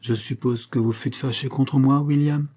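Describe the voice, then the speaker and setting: A frank, spirited young heiress, voiced by a man reading a storybook. The tone is lifted a little and questioning. The voice underneath stays dark and husky. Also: mid-range voice, fairly even intonation, moderate pace, natural voice. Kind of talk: audiobook character reading.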